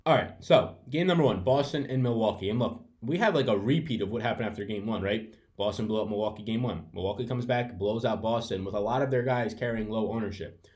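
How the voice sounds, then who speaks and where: This fantasy sports analyst speaks quickly in a fairly low, slightly mellow voice. Sitting in a room at home with a webcam mic, he casually rambles through his fantasy basketball picks, self-correcting and chatty, sniffling now and then from allergies.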